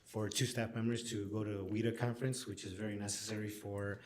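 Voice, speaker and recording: Low-voiced man in an echoey meeting room. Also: little pitch movement, fairly quick. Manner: upbeat, friendly, hesitant fillers. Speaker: district administrator presenting. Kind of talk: board meeting presentation.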